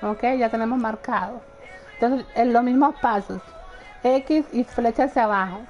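A woman's voice: a little high, normal speed, darkish tone, muffled recording. A young woman chatting casually while livestreaming a game, often laughing and greeting her viewers. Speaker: gaming livestreamer. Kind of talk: casual live gameplay chat. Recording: faint game music behind.

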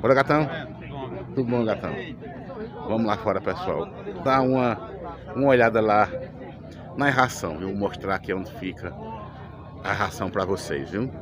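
A man with a Pernambuco Portuguese accent and a lowish voice vlogs a casual guided tour of an outdoor cattle and feed market, speaking at moderate pace with frequent pauses. He is chatty, addresses viewers and thanks people often, holding the camera himself amid a lively outdoor crowd.

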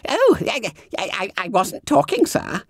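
A man voicing a fat, oblivious schoolboy who stammers and whispers, in a high squeaky voice. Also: wildly swooping pitch, measured pace, vocal fry, dry recording, clean studio sound, heavily acted. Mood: flustered. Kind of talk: audiobook character voice.

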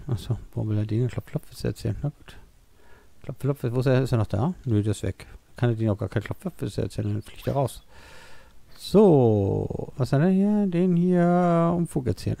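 A man's voice: mid-range voice, normal speed, gravelly, mellow, dry recording. A man giving casual, rambling commentary while playing a life-simulation game, thinking aloud with many fillers. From Germany. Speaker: let's play gamer.

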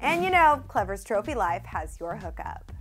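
An American woman in her thirties presenting scripted entertainment news in an upbeat, animated way into a studio mic. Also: mid-range voice, moderate pace, soft background music. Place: indoor studio.

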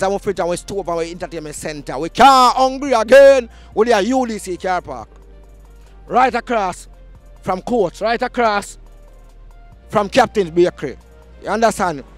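A man's voice: sits high, no room sound. A Jamaican man hosting a street vlog at an outdoor market, hyped and chanting a catchphrase. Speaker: vlog host.

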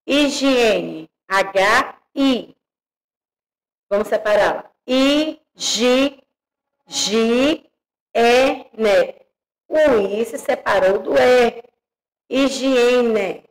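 A Brazilian woman teaching young children, spelling out syllables slowly and checking in with the class. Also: on the high side, rough recording. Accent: Brazilian Portuguese. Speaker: primary school teacher.

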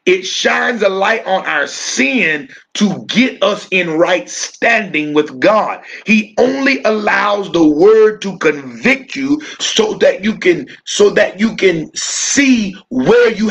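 A male pastor with a fairly high voice teaches a church bible study. He preaches more than he chats, circling back over his own phrases. He drags out key words for emphasis. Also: gravelly, fairly bright tone, poor audio. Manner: preachy, repeats phrases, slows down to stress words.

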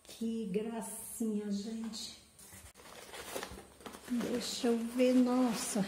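A woman's voice: a little high, steady tone, very slow, mellow, slight background noise. A woman hosting an orchid channel, unboxing plants in a casual vlog and gushing over each one with affection. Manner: gushing, affectionate, repeats "gente". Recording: echoey room.

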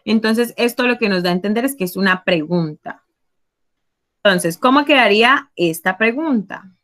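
A woman's voice: medium pitch, normal speed, fairly bright tone. A woman teaching an online class. She explains each step patiently and keeps prompting her students to answer. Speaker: English teacher.

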